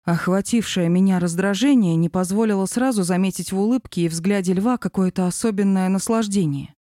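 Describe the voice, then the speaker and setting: A woman narrating a novel in the first person, with an expressive reading. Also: mid-range voice, brisk, no room sound, clean studio sound. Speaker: audiobook narrator.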